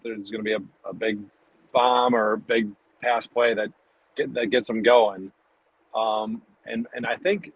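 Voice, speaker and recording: A man's voice: medium pitch, husky, poor audio. A man chatting casually about football on a podcast, rambling and interrupting himself, talking into a headset from his car. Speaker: podcast co-host. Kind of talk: casual sports chat.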